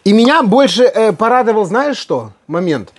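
A man's voice: sits high, very animated, normal speed. A man chatting casually as he cooks, playful and folksy, full of fond diminutives. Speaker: host of a home cooking video. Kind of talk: casual cooking chat while working. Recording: noisy kitchen, clattering and clicking. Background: kitchen work noise.

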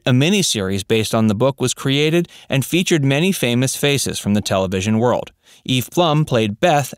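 A man narrating a scripted voice-over, reading facts in an even, read-out way. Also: mid-range voice, dry recording, studio quality.

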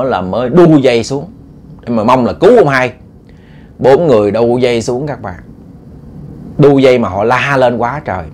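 A man's voice: mid-range voice, slight background noise. Man telling a dramatic ghost story. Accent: Southern Vietnamese. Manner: animated, dramatic, repetitive stammering. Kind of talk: oral ghost story narration.

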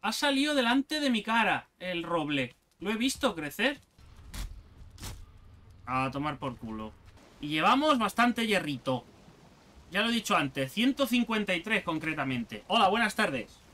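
A man giving casual gameplay commentary, excitable and sarcastic, swearing often. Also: high voice, a little slow, a little hiss or hum. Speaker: gaming youtuber.

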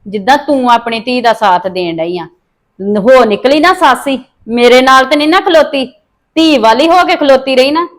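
A woman plays a resentful young daughter-in-law with a Punjabi accent in a village family drama. Her voice sits high, and she snaps back in sharp, scornful retorts before sinking into low, muttered scheming. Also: lively intonation, moderate pace. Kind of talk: amateur family drama acting.

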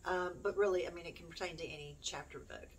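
This middle-aged woman speaks fast in a lowish, steady voice, chatting casually and self-deprecatingly as she rambles to the camera. A homeschooling mom and YouTube host, she records indoors in a small room at home. Sound comes through a distant mic in a noisy room.

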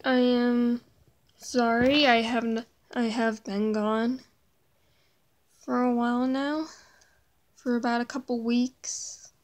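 Slow, shaky-voiced upset young woman. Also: on the high side, level tone. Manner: halting, broken phrases, drops to a near whisper. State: upset, voice cracking. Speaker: vlogger. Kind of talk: emotional confessional video.

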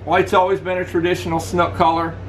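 A middle-aged man with a fairly high voice for a man talks fairly quickly to his webcam, casually reviewing fishing gear and displaying lures for his channel. He's relaxed and practical, sitting indoors in his living room while a faint air conditioner hum runs beneath him.

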